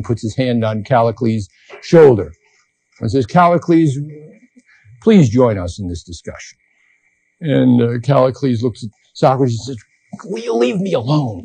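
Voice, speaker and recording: A man giving a lecture, telling a story with frequent pauses and fillers. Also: mid-range voice, dark tone, slightly rough, dry recording. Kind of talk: recorded academic lecture.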